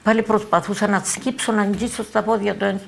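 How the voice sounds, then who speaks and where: An older woman with a Cypriot Greek accent gives eyewitness testimony. Her voice is strongly gravelly and husky, sitting at a middle pitch. She speaks haltingly and circles back over the same words. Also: level tone. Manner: halting, repeats words and phrases. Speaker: eyewitness interviewee.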